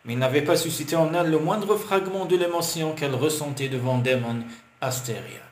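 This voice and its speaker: A man narrating a romance audiobook in an even, measured storytelling manner. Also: on the high side. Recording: roomy with faint hiss.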